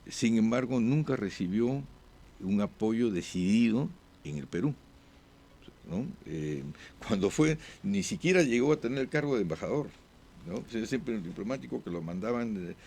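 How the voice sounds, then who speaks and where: A man speaking as a diplomat guest in an interview, with halting answers full of "eh" pauses and restarts. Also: mid-range voice, lively intonation, vocal fry, darkish tone. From born abroad.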